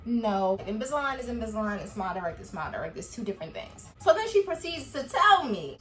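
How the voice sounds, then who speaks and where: A young woman chatting to camera in a casual review vlog, animated and quick to laugh, acting out what people said to her. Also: on the high side. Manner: chatty and animated, laughs often, acts out quoted dialogue. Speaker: vlogger.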